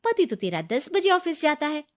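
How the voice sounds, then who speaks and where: A woman's voice: high voice, normal speed, pitched above the performer's own voice. A woman voicing a cheerful young wife who teases and advises her friend in a cartoon story. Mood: teasing. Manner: teasing, lively. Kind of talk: cartoon voice acting.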